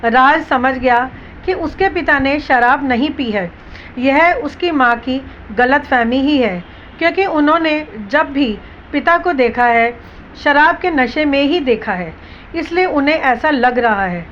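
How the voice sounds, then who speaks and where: A high-pitched woman narrates a dramatic family story, voicing its characters' dialogue in her own voice as she goes. The recording sounds a little dull, with a faint hiss of room noise behind her. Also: animated, unhurried, a bit bright.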